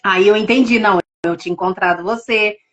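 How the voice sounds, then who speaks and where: A Brazilian woman, a tarot reader, telling her story with deep emotion in a live interview over a video call. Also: brisk, a bit bright. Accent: Brazilian Portuguese. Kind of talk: casual testimony in a live interview.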